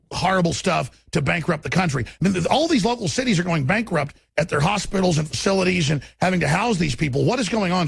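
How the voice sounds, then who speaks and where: Gravelly, raspy-voiced male talk host. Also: on the high side. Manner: fast, heated, incredulous. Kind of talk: combative interview questioning.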